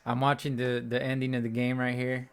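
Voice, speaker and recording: Frustrated after a game, a young man running a sports fan channel rants from home, going over the same points and rambling, his voice cracking. He talks briskly in a smooth, mid-range voice with a completely flat delivery.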